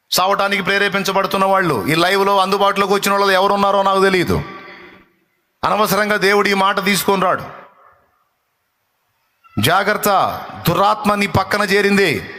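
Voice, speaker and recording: A man's voice: high voice, bright, forceful tone. A male preacher giving a fervent sermon, repeating lines for the congregation to echo and acting out taunting voices. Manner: acts out taunting voices and rebukes them.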